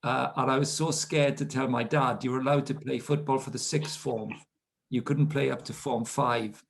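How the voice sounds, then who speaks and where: In a relaxed storytelling interview, a South Wales man in his fifties, speaking with a Welsh accent, chats self-deprecatingly about his life as the guest. His mid-range voice is creaky, his intonation fairly even and his speed normal.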